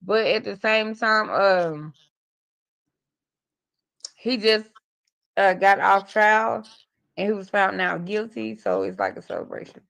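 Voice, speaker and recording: Chatting live with her viewers, this woman in her forties rambles through profane stories in a loose style. She talks slowly yet animatedly, leaving long pauses, her medium-pitched, slightly bright voice marked by vocal fry.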